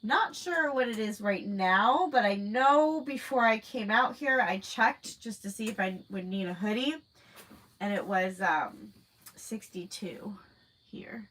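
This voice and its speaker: Answering viewers on her livestream, a thirty-something woman rambles in a chatty, filler-heavy way, her nose stuffed up from a cold. She speaks at a measured pace with an animated, medium-pitched voice that's a bit bright. The recording is low quality.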